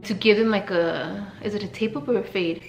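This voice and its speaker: Woman vlogger chatting to "you guys" at home, mid pitch, roomy echo. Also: steady tone, brisk, creaky, muffled recording, soft background music. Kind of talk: casual vlog chat with sponsor read. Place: home room. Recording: echoey room.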